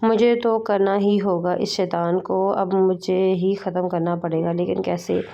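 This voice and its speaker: A woman's voice: lowish voice, steady tone, vocal fry. Woman reading as a defiant, furious young woman. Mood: scheming. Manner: shouting defiance. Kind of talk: novel read-aloud. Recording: dull lo-fi recording.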